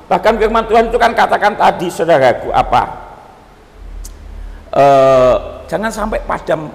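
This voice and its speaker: A man pastor preaching a sermon, animated and joking, often calling out to his listeners. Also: high voice, moderate pace, vocal fry. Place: church seminar hall. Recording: long hall reverb.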